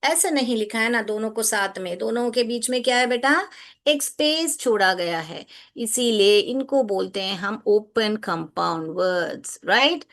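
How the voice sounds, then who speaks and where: Patient woman teacher, slow and high. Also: expressive, a bit bright. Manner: patient, repeats questions to students, calls them beta; mixes Hindi with English phrases. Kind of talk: explaining a grammar lesson to children.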